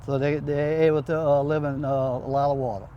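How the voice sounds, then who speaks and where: A man's voice: fairly high pitch, little pitch movement, brisk, muffled recording. A man from Louisiana with a Cajun accent, explaining things casually and instructively as a tour guide. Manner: instructive, quizzing the listener. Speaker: gator ranch owner and tour guide. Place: outdoors at a swamp ranch. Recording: noisy outdoor location, vehicle sounds.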